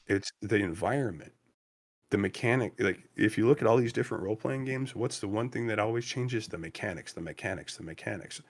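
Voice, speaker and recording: A man's voice: on the low side, brisk. A man who designs games, talking casually and with emphasis, repeating key words to drive a point home. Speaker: game designer. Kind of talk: casual chat.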